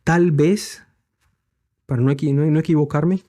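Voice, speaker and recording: A man's voice: on the high side, steady tone, measured pace, dark tone. A man giving a religious lesson, explaining patiently with many fillers and rhetorical questions while pointing to letters on screen. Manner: refers to letters shown on screen. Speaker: bible teacher. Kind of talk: religious teaching.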